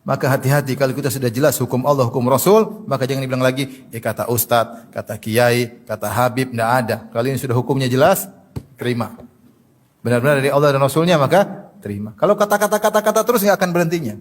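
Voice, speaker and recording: A man preaching a sermon, reciting Arabic verses and mocking the views he argues against in an animated way. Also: medium pitch, fast talker. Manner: animated, mocking imitations of opponents.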